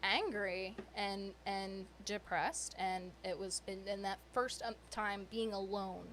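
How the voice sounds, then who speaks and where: A woman's voice: medium pitch, steady tone, takes it slowly, fairly bright tone, slight background noise. A woman talking casually and reflectively, repeating phrases to stress her points. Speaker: podcast participant. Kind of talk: casual personal podcast conversation.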